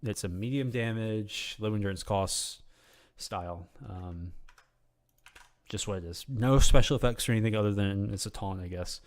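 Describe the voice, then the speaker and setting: A game guide video creator explains a game in an unscripted tutorial, his lowish voice slightly hoarse and scratchy as if he's losing it. He talks at a moderate pace in a relaxed, conversational ramble, full of ums, hesitations, and restarted sentences.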